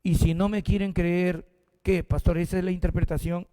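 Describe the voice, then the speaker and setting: A man's voice: high voice, flat delivery, moderate pace, warm tone, in a large hall. A man with a Peruvian Spanish accent, a pastor preaching a sermon, speaking straight to his congregation and reading scripture aloud. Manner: addresses the congregation directly, reads scripture aloud.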